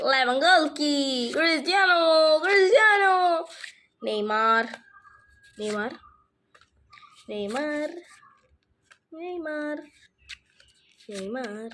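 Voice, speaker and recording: A woman's voice: a little high, fairly bright tone, slight background noise. A woman chatting casually in a show-and-tell vlog, reading names off her cards one by one. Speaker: vlogger showing her card collection.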